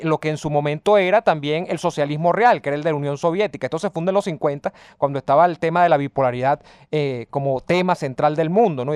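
A male radio co-host with a smooth, resonant voice that sits slightly high for a man. He reads listener messages and talks politics with rising emphasis. The studio sound is close and dry. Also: a little mellow, no room sound. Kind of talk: casual radio talk and political commentary.

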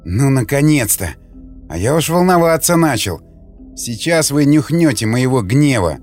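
Man reading as a desperate male survivor, frantic, shouting, mid-pitched voice, faint music behind. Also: big pitch swings, a little slow. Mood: bravado. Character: Vasnetsov, a desperate man, male stalker losing his mind.

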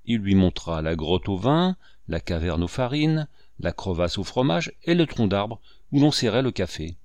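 Man, audiobook narration, low voice, animated pitch, dry close sound. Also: normal speed, no room sound. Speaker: audiobook reader. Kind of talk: expressive literary narration.

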